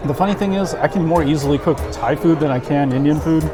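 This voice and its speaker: A man with a slightly high voice talks casually to camera as a food vlogger. He savors each taste with delighted approval, while music plays and a crowd chatters around him. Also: quick pace.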